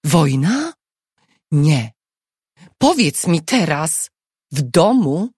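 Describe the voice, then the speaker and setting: A woman reading an audiobook who voices a frightened, quick-tempered young wife in a raised, pleading voice. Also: low voice, sing-song, a little mellow, husky, no room sound, studio quality, full character voice. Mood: anxious, urgent.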